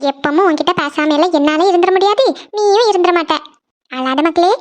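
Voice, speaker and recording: An actor voicing a loving middle-aged mother in an animated family cartoon, speaking with a soothing, tender manner. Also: extremely high pitch, fairly quick. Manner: tender, soothing, calls them "makkale".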